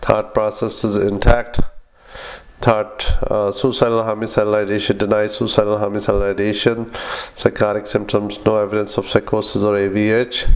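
A man dictating clinical notes in halting, clipped phrases, speaking punctuation and formatting commands aloud as a clinician. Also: fairly low pitch, little pitch movement.

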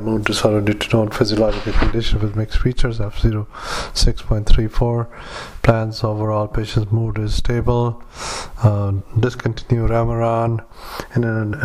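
A man dictating clinical notes on a dictaphone recording, his voice low and nearly without melody. He halts often, filling gaps with "uh" and correcting himself as he goes. A faint hiss and the odd click sit under the dictation. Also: darkish tone, rough recording. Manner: halting, many fillers and self-corrections. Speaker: doctor. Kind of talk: medical dictation.

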